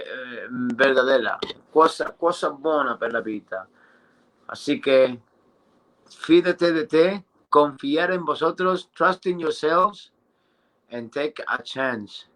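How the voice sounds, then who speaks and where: A man in his thirties giving an excited, casual motivational testimonial, often restarting and stumbling over his words. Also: mid-range voice, low-quality recording. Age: 30s. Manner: excited and halting, with many restarts and fillers. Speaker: business testimonial speaker.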